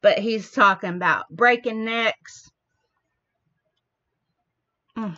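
A woman hosting a reaction video, slowly explaining the wordplay of a song line by line. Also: fairly high pitch, pushed and bright. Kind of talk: casual commentary. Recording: dull lo-fi audio.

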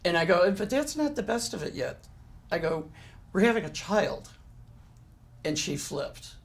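A man in his forties telling personal family moments in a gentle, heartfelt way during a casual interview. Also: high voice, big pitch swings, measured pace, vocal fry. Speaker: interviewee, co-parent. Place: living room, sitting in an armchair.

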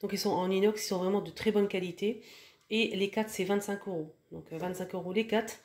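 A woman's voice: medium pitch, fairly even intonation, brisk, echoey room, noisy background. A woman giving a casual home decor tour and showing her purchases, talking hesitantly with many fillers and restarts. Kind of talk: casual voice-over room tour.

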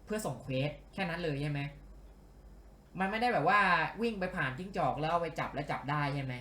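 A man giving casual let's-play commentary, animated and grumbling and cursing at the game as he plays. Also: on the high side, fast, roomy sound. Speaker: game streamer.

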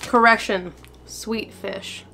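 A woman's voice: medium pitch, steady tone, slow pace, vocal fry, pushed and bright, slight background noise. A woman casually reviewing candy in a vlog, talking through a mouthful as she chews. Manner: chatty, upbeat reviewer. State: chewing while talking. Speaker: vlogger. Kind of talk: casual taste-test vlog.

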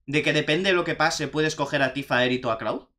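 A young man with a Spanish accent from Spain, chatting excitedly as he reacts to a video game trailer. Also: on the high side, fast talker. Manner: excitable, chatty, says "tío" often. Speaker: gaming youtuber reacting to a trailer.

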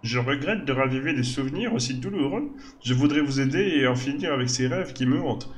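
A man's voice: mid-range voice, brisk, pitched above the performer's own voice, lightly acted. A man voicing an elderly gnome astrologer in a video game, formal, earnest and a little theatrical. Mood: solemn.

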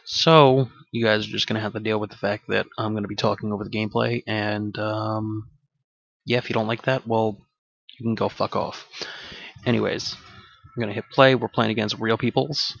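A man's voice: fairly low pitch, little pitch movement, normal speed, vocal fry, dry recording. A man hosting a gaming channel, talking casually over gameplay in a rambling, offhand way with casual swearing, on a desk mic that picks up the game audio. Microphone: desk microphone with game audio bleeding in. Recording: dull, dry home recording.

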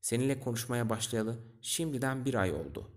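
A man's voice: mid-range voice, lively intonation, a little fast, natural voice. A man reading aloud, voicing a tired, resigned male lamplighter from a storybook who only wants to sleep. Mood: weary. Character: weary, sleepy male lamplighter bound to duty.

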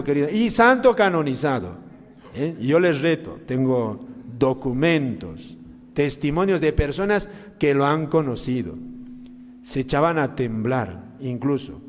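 A man preaching a sermon as a priest, asking the congregation many questions, with big swings in loudness and pitch. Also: big-room sound, slight background noise. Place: church during mass.

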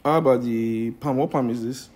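A man interviewing people on the street, teasing them with quick-fire questions. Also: mid-range voice, darkish tone.

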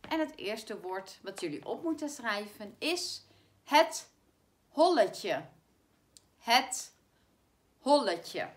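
A woman teacher with a Dutch accent giving a spelling lesson to primary pupils, saying words slowly and clearly so they can be spelled. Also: a little high, lively intonation, a bit bright. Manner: slow, clear, stretches words to spell them out.

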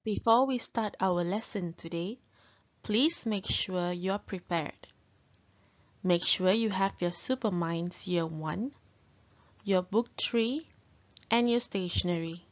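A woman English teacher giving a young children's lesson, teaching them to count, slowly and with prompts to repeat, on a muffled recording. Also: medium pitch.

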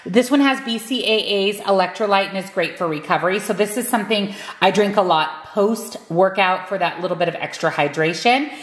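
A woman's voice: mid-range voice, a little fast, few pauses, slightly rough, dry recording, poor audio. A woman in her thirties, a lifestyle vlogger, giving chatty, upbeat and rambling narration of her day. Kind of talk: casual vlog narration.

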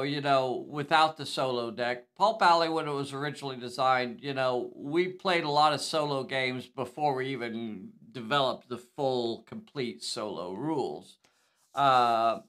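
A man's voice: medium pitch, a bit bright. A man hosting a casual live game stream, chatty and jokey, tossing in silly impressions.

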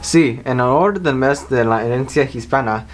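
A man's voice: medium pitch, a little slow, over music. A teenage boy co-anchoring a school news show in a plain, scripted read. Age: teens.

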